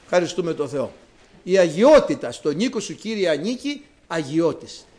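Older man, preacher, sermon, emphatic, repetitive, high voice, very lively pitch. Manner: emphatic, repetitive, addresses listeners as brothers.

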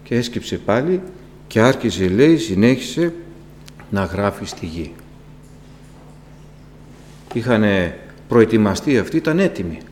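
A man preaching a sermon to his congregation, impassioned, with sudden rises in pitch and volume, asking rhetorical questions and speaking to them directly. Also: very animated, pauses often, darkish tone. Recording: long reverb with faint electrical hum.

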